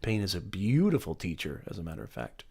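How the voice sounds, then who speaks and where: A man's voice: low voice, wildly swooping pitch, fast, creaky, darkish tone, slightly rough. A middle-aged man hosting a motivational live stream, talking emphatically, repeating his points and greeting viewers by name.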